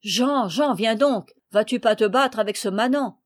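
A woman's voice: fairly high pitch, a little slow, close to an everyday voice. Woman reading as a boastful touchy boy. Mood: indignant. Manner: indignant, defensive.

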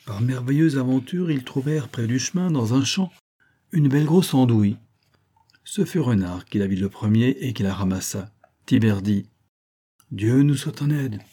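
Male storybook narrator, measured and mellow-toned. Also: medium pitch. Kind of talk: scripted narration of a tale.

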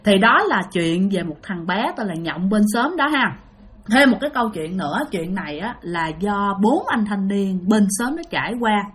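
A woman's voice: medium pitch, lively intonation, normal speed. A woman telling a ghost story in a chatty way, speaking straight to her listeners. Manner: chatty, addresses listeners directly.

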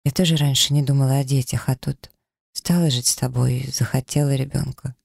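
A man reading a romance audiobook, voicing an emotional young woman in love with a raised pitch and a breathless, pleading manner. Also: steady tone, fairly quick, vocal fry, a little mellow, slightly rough, no echo, studio quality. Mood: tender.

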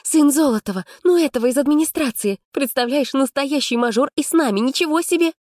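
A woman reading an audiobook, voicing an excitable, gossipy young female student who gushes breathlessly. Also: on the high side, a little fast, no room sound, studio quality, pitched above the performer's own voice. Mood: gushing.

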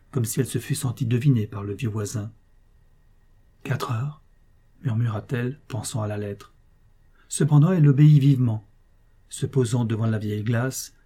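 A man reading a novel aloud as narrator, telling it in a measured, expressive way. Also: medium pitch, husky. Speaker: audiobook narrator. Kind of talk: scripted narration.

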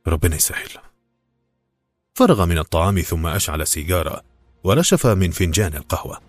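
Deep-voiced male audiobook narrator. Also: big pitch swings, fast talker, no echo, faint music behind. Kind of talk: scripted storybook narration.

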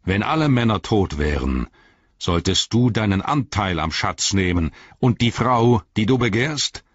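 A man playing a stern old wizard with a very deep, husky, measured voice. It sits dry and close, with a slightly dull sound. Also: expressive, no room sound. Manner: low, grave, measured.

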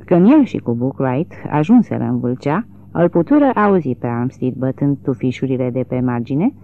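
An audiobook reader narrating a literary novel in an expressive, dramatic way, recorded with a tinny, narrow sound. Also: medium pitch.

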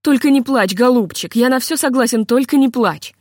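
Read as a woman voicing a tired, tender middle-aged composer from a storybook. Keep him soft and self-doubting, with a somewhat high, dry, close sound. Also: normal speed, breathy edge, no echo. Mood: pleading. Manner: weary, self-reproaching, pleading. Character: anxious gentle middle-aged male composer.

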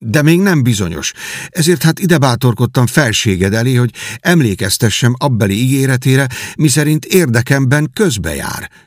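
A man's voice: medium pitch, expressive, no room sound, clean studio sound, pitched above the performer's own voice, close to an everyday voice. A man voicing a humble, devoted young whipping boy who speaks in an earnest, imploring way. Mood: pleading.

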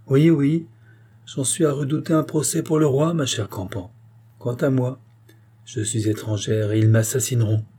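A proud but despairing queen, as a male reader puts her on, sorrowful and weary. The husky, mellow voice lifts slightly for her, swinging between hushed and stronger phrases. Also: medium pitch, fairly even intonation, normal speed, close to an everyday voice. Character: grieving, fearful queen, proud yet despairing.

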